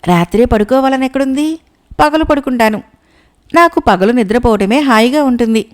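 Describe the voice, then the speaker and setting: A woman's voice: on the high side, moderate pace, close to an everyday voice. A woman voicing a foolish, whimsical, short-tempered male king who gives bossy commands in a storybook.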